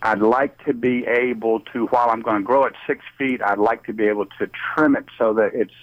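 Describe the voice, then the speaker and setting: A man's voice: medium pitch, fairly even intonation, fairly quick, no room sound. A man calling in to a radio show over the phone, politely and carefully describing what he wants, with some ums. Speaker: radio call-in caller. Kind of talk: casual chat. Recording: dull dry phone line.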